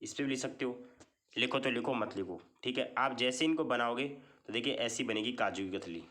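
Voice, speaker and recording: A man's voice: mid-range voice, a little fast, sharp tone. A man teaching a maths lesson in a classroom style. He explains step by step, keeps checking with the class and asks questions that he answers himself. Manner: explains step by step with many repeated checks like "theek hai".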